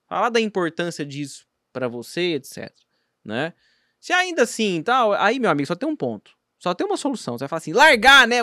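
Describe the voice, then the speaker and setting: A Brazilian man chats on a podcast with a slightly high voice that swings between loud bursts and low mutters. His talk rambles, full of slang and restarts. The sound is close and dry. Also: no echo. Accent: Brazilian Portuguese. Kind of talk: casual podcast chat.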